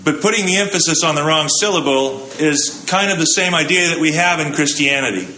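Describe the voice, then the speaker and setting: A man's voice: a little high, a little fast, pushed and bright, slight background noise. A male pastor giving a sermon in a conversational way, asking the congregation questions and answering them. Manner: conversational preaching with rhetorical questions.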